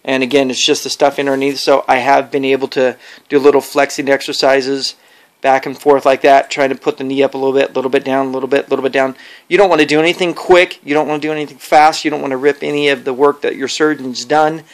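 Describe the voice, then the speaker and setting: A man speaks casually to his viewers in a personal vlog. His voice sits at an average pitch, and he explains things step by step in a hesitant, halting manner. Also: level tone. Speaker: vlogger.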